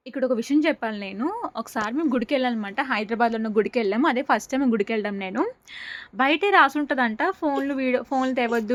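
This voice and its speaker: A young woman narrating her family day out in a casual, rambling vlog voice-over. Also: high voice. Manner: chatty, rambling storytelling. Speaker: vlogger.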